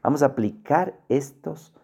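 A man teaching a motivational lesson on emotional language, speaking deliberately and checking in with frequent asides. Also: fairly high pitch, expressive, vocal fry, dark tone, husky. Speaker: emotional coaching instructor.

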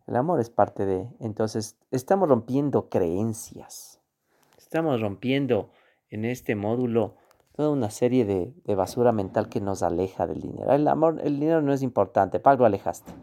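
A man's voice: medium pitch, expressive, moderate pace, warm tone. A man teaching a course module on beliefs, speaking emphatically and repeating key words. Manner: emphatic, repeats words, acts out quoted voices. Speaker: course instructor. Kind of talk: motivational teaching on money beliefs.

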